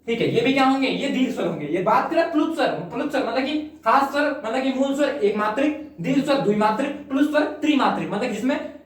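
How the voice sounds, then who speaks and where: Woman grammar teacher with a higher voice, patient step-by-step delivery, heard from a distance. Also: animated. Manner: explains step by step, repeats "ठीक है", drawn-out sample vowels. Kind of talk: classroom lecture for exam prep. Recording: very echoey room, far from the mic.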